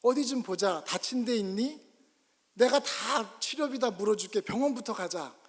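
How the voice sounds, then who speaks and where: A man's voice: high-pitched, expressive, normal speed. A man voicing a protective middle-aged mother speaking earnestly and apologetically, in a reverberant church.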